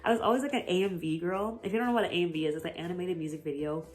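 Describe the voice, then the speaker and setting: Young woman, American accent, lowish voice, rambling fan chat, faint music behind. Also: racing. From United States. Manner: gushing, rambling, lots of fillers and giggles. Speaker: vlogger. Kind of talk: casual chat.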